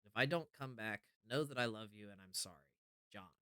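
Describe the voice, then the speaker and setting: A man reading a horror game note aloud as a troubled priest, in a solemn, measured way. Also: on the low side, pushed and bright, clear, resonant tone, no echo, studio quality. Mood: grave farewell. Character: troubled male priest reading out his farewell letter. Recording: music behind the voice.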